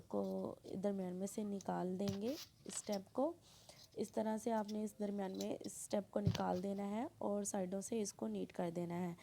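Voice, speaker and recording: A woman, talking through a sewing tutorial step by step and clearing her throat now and then. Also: medium pitch, background noise. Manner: plain instructional, frequent throat clearing. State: sore throat. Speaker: sewing instructor.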